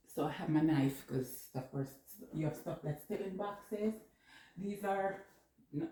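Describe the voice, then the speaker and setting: Very echoey room, distant noisy mic, low-pitched woman, casual rambling home vlog chat. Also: warm tone. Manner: rambling, talking to herself while busy. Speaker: home decor haul vlogger.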